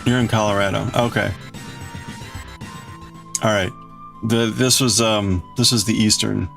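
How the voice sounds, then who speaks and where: Over music, a man runs a casual livestream, crafting and reading out viewer chat as he greets and answers people in a rambling, exclamatory manner. He has a fairly low, steady, creaky voice and keeps a measured pace.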